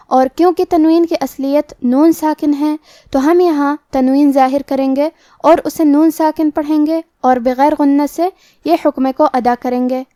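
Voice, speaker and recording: A woman teaching recitation rules in a slow, careful way, going through each letter step by step. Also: sits high, warm tone, no echo, clean studio sound. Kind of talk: tajweed lesson, explaining rules and reciting.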